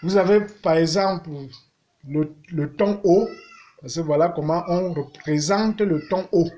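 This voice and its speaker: A man teaching a language lesson, speaking deliberately and repeating words as he sings out vowels to show their tones. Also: high-pitched, mellow.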